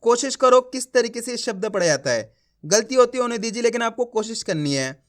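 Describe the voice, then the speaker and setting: A man's voice: extremely high pitch, sing-song, brisk. Male online reading teacher; sounds out words syllable by syllable, encouraging tone toward viewers. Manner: sounds out words syllable by syllable, then blends them; addresses viewers as friends, coaxing and encouraging.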